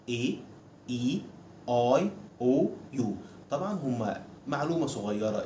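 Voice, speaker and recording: An Egyptian man teaches English sounds at a quick clip, his voice mellow and relaxed. He slows down to spell out letters and words one at a time. The room is echoey, with a faint hiss of noise behind him. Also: mid-range voice. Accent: Egyptian Arabic. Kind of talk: explaining English pronunciation to viewers.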